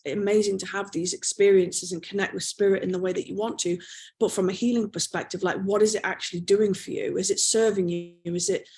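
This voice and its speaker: A woman's voice: lowish voice, gravelly, darkish tone. Woman patiently explaining body-based healing. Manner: patient explainer who checks in with "okay?" and "you know". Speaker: trauma release exercise practitioner, interview guest. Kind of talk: explanatory interview talk.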